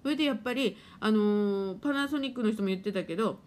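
Speaking quickly in a medium, darkish voice, this middle-aged woman hosts a relaxed live stream. She reads comments from viewers, laughs along, and does a playful impression of her washing machine; she works as a spiritual therapist.

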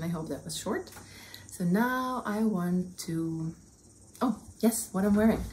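Recorded roughly on the camera mic indoors in a small home room, a woman in her thirties with a Russian accent hosts a crafting podcast, chatting warmly to camera and gesturing with both hands. Her voice is lowish and a little mellow, with slight background noise.

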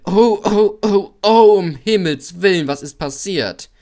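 A man voicing silly, rowdy freight wagons in an audiobook, with shrill squealing and teasing chants. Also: lively intonation, unhurried, darkish tone. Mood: shrieking. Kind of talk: audiobook character voice.

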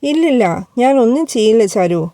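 Storybook figure: a pushy, possessive young man with a low coaxing murmur, mellow and smooth, as a woman narrator puts him on. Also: animated, brisk, no room sound, lightly acted.

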